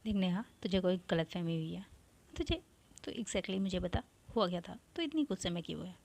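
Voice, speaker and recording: A woman narrator voicing a caring young woman who calmly reasons with her friend in a soothing way. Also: on the low side, brisk, gravelly.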